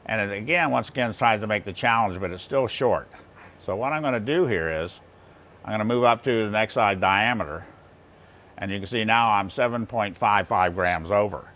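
This American instructor in his sixties speaks at a normal speed with a lowish, slightly bright voice. He is demonstrating engine balancing equipment step by step, plain-spoken and folksy. Clear workshop ambience from the large indoor machine shop runs underneath.

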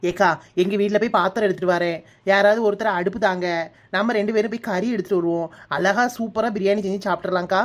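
A woman's voice: mid-range voice, steady tone, fast, natural voice. A woman with a Kanyakumari Tamil accent voicing a scheming young village woman in a cartoon, wheedling and pleading. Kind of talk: cartoon voice acting.

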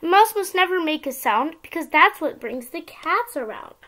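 This young channel host, a girl around ten, reads a picture book aloud for little ones at a moderate pace. She uses a high, childlike voice with sing-song, expressive storytime delivery, recorded in a small room at home.

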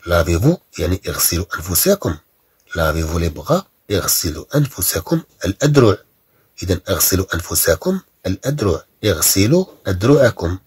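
Husky Moroccan-accented male teacher. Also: fairly low pitch, darkish tone, no echo, clean studio sound. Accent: Moroccan Arabic. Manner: explains in Arabic, reads French sentences slowly and repeats them. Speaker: French teacher. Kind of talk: language lesson.

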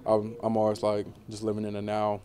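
A college football player in his twenties answers questions at a relaxed postgame press interview in an indoor media room, standing before a banner. His voice is lowish and a bit fast, and he uses plenty of fillers.

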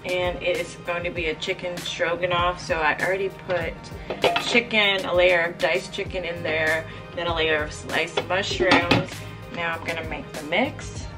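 Casting: low-ish female vlogger voice, casual and chatty, home kitchen, music underneath. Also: steady tone, measured pace. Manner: chatty, walks viewers through her cooking. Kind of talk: casual vlog narration.

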